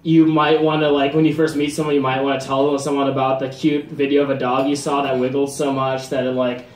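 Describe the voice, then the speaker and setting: Halting deadpan stand-up man in roomy venue. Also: medium pitch. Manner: halting, many "like" and "um" fillers, deadpan. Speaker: stand-up comedian. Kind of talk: stand-up comedy set. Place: comedy venue. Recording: roomy live venue echo, faint ambience.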